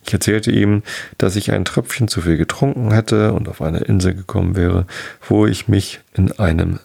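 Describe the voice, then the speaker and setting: Deep, gravelly male storyteller. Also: steady tone, moderate pace, darkish tone. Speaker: narrator. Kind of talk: audiobook folk tale reading.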